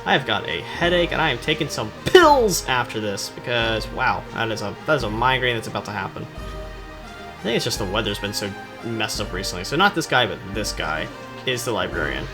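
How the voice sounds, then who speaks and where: A gaming video host delivers casual, rambling commentary that's jokey, sarcastic and self-deprecating, with music behind him. His voice is lowish, very animated and a little fast.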